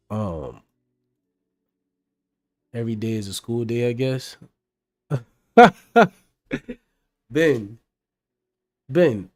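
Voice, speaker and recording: A man's voice: mid-range voice, dry recording. A man on a casual live stream, reading pages aloud and chatting with viewers by name.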